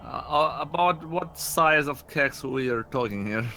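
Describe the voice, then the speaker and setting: A man playing a tabletop game, speaking haltingly. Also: a little high, expressive, pushed and bright, soft background music. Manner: hesitant, halting. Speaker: player. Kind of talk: casual play.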